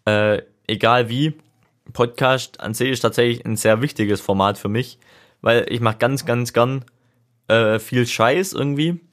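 A man's voice: mid-range voice, measured pace, a bit bright. A young man talking casually and reflectively on a solo podcast, thinking aloud in an informal, rambling way. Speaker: podcast host. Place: seated, leaning back in a chair.

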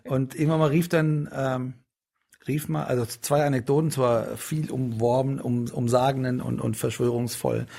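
A man's voice: mid-range voice, steady tone, moderate pace, vocal fry, darkish tone. A middle-aged man in a casual interview, talking in a rambling way with many restarts and fillers. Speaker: politician guest.

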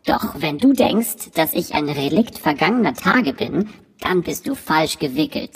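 Woman doing a disguised deep voice, aging dinosaur, husky, long hall echo. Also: lively intonation, measured pace, exaggerated voice. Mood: boastful. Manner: riddling, rhyming clue delivery. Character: aging boastful dinosaur mascot, a quiz clue-giver. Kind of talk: scripted quiz clue recording. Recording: recording with long hall reverb.

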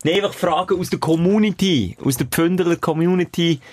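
A man's voice: fairly high pitch, brisk. A man with a Swiss German accent co-hosting a podcast in casual chat, joking and teasing. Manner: joking, teasing, laughs often. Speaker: podcast co-host.

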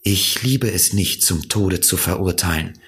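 In an audiobook reading, a man with a low, unhurried voice plays a small, curious boy prince. The prince speaks earnestly and gently, full of wonder.

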